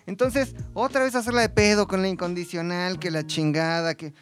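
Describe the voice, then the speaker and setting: A man's voice: high-pitched, steady tone, normal speed, fairly bright tone, soft background music. A man with a Mexican accent, co-hosting a comedy podcast, arguing and teasing in crude slang. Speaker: podcast co-host. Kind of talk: casual comedic chat.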